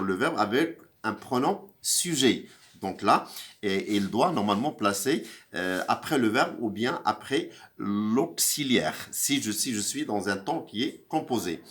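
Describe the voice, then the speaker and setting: A man's voice: on the low side, fairly bright tone. A male teacher giving a recorded video grammar lesson, hesitant with many fillers and restarts, lifting his voice on the example questions. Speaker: French teacher.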